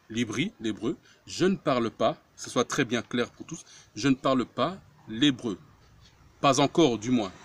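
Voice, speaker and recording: A man giving a Bible study talk, reading scripture aloud and explaining it in short, deliberate phrases. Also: medium pitch, slight background noise. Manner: slow, deliberate, breaks phrases into short pieces; reads Hebrew words aloud louder, word by word. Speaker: religious teacher.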